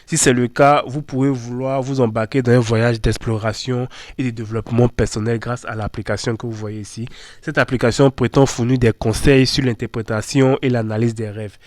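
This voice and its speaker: A man's voice: medium pitch, fairly even intonation, fairly quick, darkish tone, dry recording, clean studio sound. A man hosting a tech channel, walking through phone apps on screen in a chatty way, full of fillers and repeated words. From Ivory Coast. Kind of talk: screen-recorded app walkthrough.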